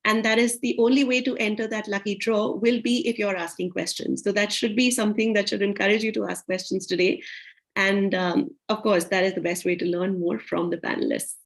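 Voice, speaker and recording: A woman's voice: medium pitch, level tone, fairly quick, gravelly. A woman hosting a virtual talk show, welcoming guests and inviting questions, with frequent fillers, over a video call.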